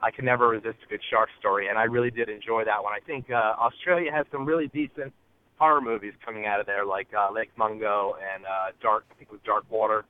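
A man phoning in to a show from his car over a Bluetooth speakerphone, talking in a hesitant way with many filler pauses. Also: on the low side, fairly even intonation. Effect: car speakerphone call over Bluetooth. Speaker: caller. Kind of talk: casual call-in message. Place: inside a car. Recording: tinny phone line from a car.

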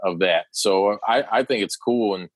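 A man's voice: lowish voice, moderate pace, dry recording. A man chatting casually about wrestling like a frat bro, with plenty of slang and swearing. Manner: frat-bro talk full of dude, like and swearing. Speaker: wrestling podcast co-host. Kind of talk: casual, profane wrestling chat.

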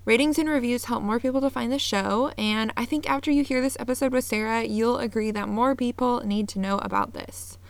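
In a dry recording, a woman with a slightly high voice talks briskly, barely pausing. As a podcast host, she reads a scripted intro in an earnest, upbeat way, then moves into a casual interview with a guest.

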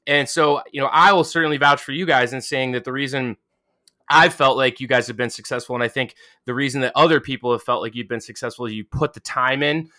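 A man's voice: mid-range voice, steady tone, fast talker, sharp tone. A man hosting a casual podcast interview, chatty and joking, with many fillers and restarts. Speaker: podcast host.

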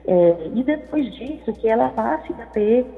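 A woman's voice: fairly high pitch, expressive, a little slow, creaky, faint music behind. Woman doctor, over the phone, explanatory, tag questions, tinny phone line, reverb. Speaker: gynecologist guest. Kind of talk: call-in radio advice.

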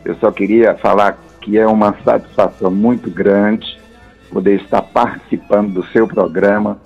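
A man's voice: on the low side, fairly even intonation, moderate pace, gravelly, slightly rough, faint music behind. A middle-aged man calls in over the phone, speaking formally and courteously. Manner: formal, courteous and full of praise. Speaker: caller, radio broadcaster. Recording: dull phone-line sound.

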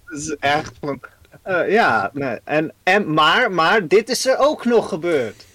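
Co-host, male, fairly high voice, dry close sound, halting casual chat. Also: lively intonation, a bit bright, no echo. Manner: hesitant, many fillers, playful. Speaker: podcast co-host.

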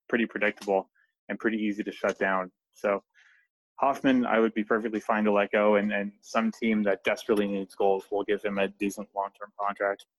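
A man's voice: lowish voice, a bit bright, dry recording, rough recording. A man talking hockey as a podcast guest, loose and chatty, full of fillers and restarts. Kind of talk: casual podcast chat.

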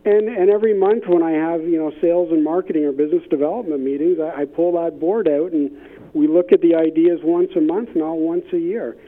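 A somewhat high-voiced man, a business innovation consultant being interviewed, explains things conversationally with fairly even intonation and a fairly quick pace. His speech halts and doubles back on words, and the audio is a tinny, band-limited phone-like line.

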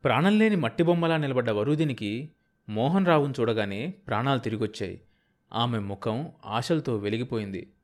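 A man reading a novel aloud in episodes for an audiobook podcast. His narration is steady and even, in a plain storytelling way. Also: medium pitch, moderate pace.

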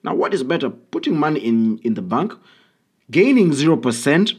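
A man's voice: medium pitch, sing-song, normal speed, darkish tone, breathy edge. A man hosting a solo podcast, talking casually and bluntly with frequent ums and uhs. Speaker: podcast host.

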